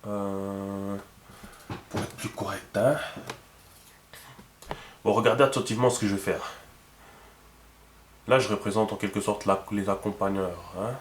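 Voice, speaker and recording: A man's voice: fairly low pitch, steady tone, unhurried, pauses often, slight background noise. A man teaching a lesson, patient and checking often that the viewer follows. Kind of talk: instructional video lesson. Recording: echoey room.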